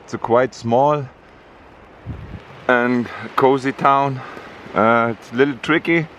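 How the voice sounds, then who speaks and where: Male travel vlogger, unhurried and halting with fillers, outdoors with faint noise behind. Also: medium pitch, a bit bright. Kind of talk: casual vlog narration. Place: outdoors on a rainy coast.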